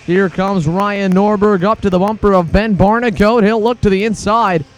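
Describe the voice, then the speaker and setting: A male motorsport commentator with a very high-pitched voice delivers live race play-by-play. He calls the action urgently and excitably, following every move as it happens. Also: moderate pace, slight background noise.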